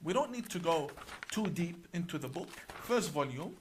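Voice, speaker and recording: Emphatic man, slightly high voice. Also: animated, a little hiss or hum. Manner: deliberate, emphatic, citing page by page. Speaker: religious cleric. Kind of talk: explanatory talk to camera.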